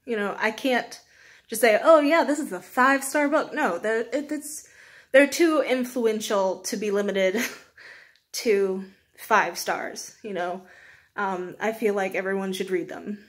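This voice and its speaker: At a measured pace and medium pitch, a young woman talks through books she's reviewing for her video. It's casual, rambling chatter, self-deprecating and sprinkled with small laughs.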